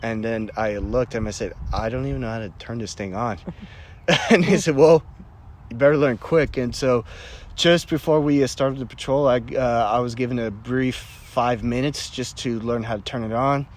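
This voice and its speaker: A man's voice: mid-range voice, fairly even intonation, moderate pace. Young guy telling war stories, keeps laughing, lots of um and uh, faint traffic hum outside. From Canada. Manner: laughs often, many fillers and restarts, acts out quoted voices. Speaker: Marine veteran guest. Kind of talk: casual storytelling interview.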